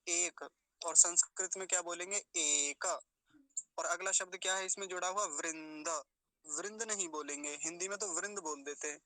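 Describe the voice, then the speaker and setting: A man teaching careful pronunciation, breaking words into syllables and repeating each one slowly. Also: on the high side, pushed and bright, dry recording, poor audio. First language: Hindi. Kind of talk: explanatory pronunciation lesson.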